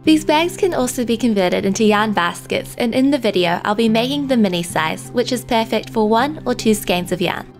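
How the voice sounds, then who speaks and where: Woman, slightly high voice, calm step-by-step crochet instructions, soft music behind. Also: moderate pace, hardly any pauses. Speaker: crochet tutorial host. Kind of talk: scripted tutorial voice-over.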